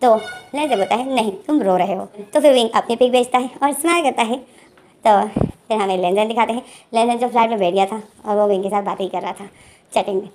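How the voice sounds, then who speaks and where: A woman's voice: a little high, quick pace, darkish tone, a little hiss or hum. Woman retelling a story in a chatty way. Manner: chatty, with many repeated fillers. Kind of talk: casual retelling of a fan story.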